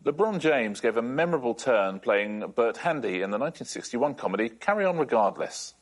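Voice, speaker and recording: A man hosting a quiz show, reading questions briskly and teasing the contestants in a dry way. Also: mid-range voice, sing-song.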